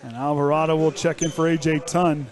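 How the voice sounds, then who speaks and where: A man calls a high school basketball game play by play, his voice a touch high for a man. Between plays he teases his co-hosts in a joking tone. He is broadcasting from a school gym. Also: level tone, a little fast. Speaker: play-by-play announcer. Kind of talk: live basketball commentary.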